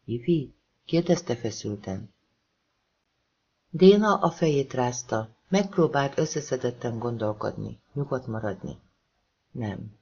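A man reading a thriller novel aloud as an audiobook narrator, pacing it with tense pauses. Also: medium pitch, mellow, husky, dull audio.

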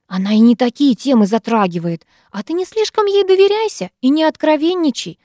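A woman voicing a fussy, jealous teenage schoolgirl who pries and needles in quick remarks. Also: high-pitched, lively intonation, mellow, no room sound, studio quality, pitched above the performer's own voice.

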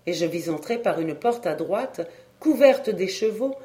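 Brief: steady audiobook narrator, measured classic storytelling, mid pitch. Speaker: audiobook reader. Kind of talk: scripted narration of a classic novel.

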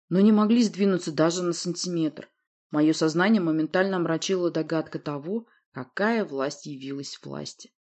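A woman narrating a fantasy audiobook in the first person with expressive storytelling. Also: lowish voice.

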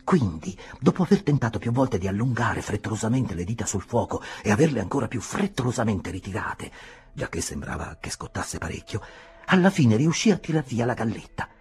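A man reading a classic novel aloud in a dramatic, expressive style. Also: fairly low pitch, brisk, breathy edge. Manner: dramatic, shifts pace and loudness with the story. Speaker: audiobook reader. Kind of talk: expressive literary narration.

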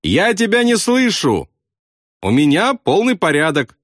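A man voicing a desperate, panicky male bombardier who yells in a strained, emphatic way. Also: a little high, very animated, no room sound, clean studio sound, voice pushed up. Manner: strained yelling, slow and emphatic.

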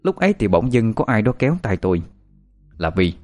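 Brief: low male storyteller, dry close sound, soft music bed. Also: very animated, fairly quick, dry recording. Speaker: narrator. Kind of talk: first-person horror story narration.

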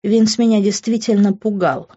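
A woman narrating a first-person novel in a middle-pitched voice. She reads expressively, rising in pitch when her heroine speaks. The recording is dull and lo-fi. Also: fairly even intonation, moderate pace, warm tone, breathy edge. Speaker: audiobook narrator.

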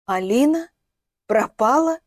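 A woman voicing a furious, scornful young mother with shrill shouting. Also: animated, unhurried, husky, no echo, studio quality.

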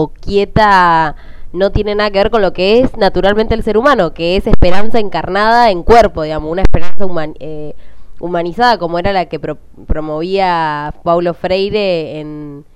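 A man's voice: sits high, normal speed, clear, resonant tone. A man co-hosting a radio show, speaking thoughtfully and articulately. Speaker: radio co-host. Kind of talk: casual radio chat.

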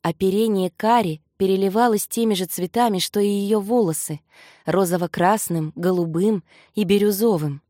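A woman narrating an audiobook in a measured, even pace. Her voice is mellow and soft-edged, recorded close and dry with no room sound. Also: mid-range voice, no echo. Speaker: audiobook reader. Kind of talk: scripted narration.

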